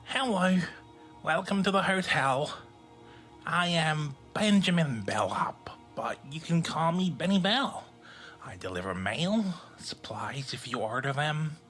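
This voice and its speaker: Man playing a bright-voiced, polite young bellhop. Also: fairly high pitch, expressive, takes it slowly, faint music behind. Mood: polite, helpful. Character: polite, gentle young male bellhop of a cosmic hotel. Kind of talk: scripted audio drama.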